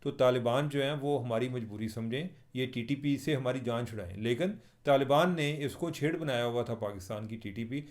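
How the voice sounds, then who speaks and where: A man's voice: medium pitch, normal speed, few pauses, a little mellow. Wry Pakistani man talking to viewers. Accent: Pakistani Urdu with Punjabi touches. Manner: chatty, wry, addresses viewers directly. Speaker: journalist hosting his own channel. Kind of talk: casual spoken commentary vlog.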